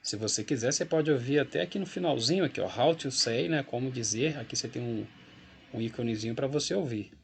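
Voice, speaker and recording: A man's voice: medium pitch, quick pace, creaky, a little hiss or hum. A man with a Brazilian Portuguese accent teaching an English grammar lesson, explaining patiently while walking through a website and checking in with the class often. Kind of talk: recorded grammar lesson with screen walkthrough.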